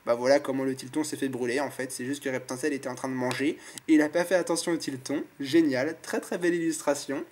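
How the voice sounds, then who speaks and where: A man's voice: medium pitch, steady tone, fast, few pauses, darkish tone, slight background noise. A man hosting his own channel, chatting casually and enthusiastically as he opens a pack of trading cards and admires each one aloud. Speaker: YouTube channel host. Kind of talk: casual card-pack opening commentary.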